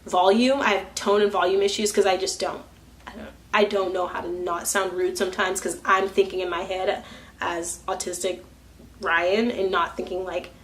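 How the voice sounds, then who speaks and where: A woman's voice: mid-range voice, level tone, normal speed, a bit bright, a little hiss or hum. A young woman talking candidly in a personal vlog, chatty and laughing often, acting out what other people say while she curls her hair. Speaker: vlogger.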